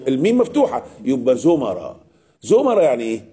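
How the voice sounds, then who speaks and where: A man's voice: mid-range voice, wildly swooping pitch, fast, warm tone. A man with an Egyptian Arabic accent teaching a lesson on Quranic verses, often asking the class a question and answering it himself. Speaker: religious teacher.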